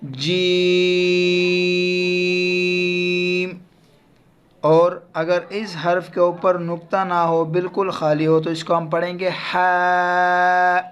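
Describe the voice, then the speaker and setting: A man's voice: a little high, muffled recording. A man with a Pakistani Urdu accent teaching Quran letter pronunciation to children, stretching out each letter sound between explanations.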